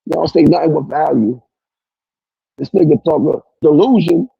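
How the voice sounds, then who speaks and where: A man's voice: fairly high pitch, normal speed, creaky, husky, no echo, muffled recording. A man hosting a livestream, ranting at people in a profane, confrontational, repetitive way. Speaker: live stream host. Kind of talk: heated livestream rant. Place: at work.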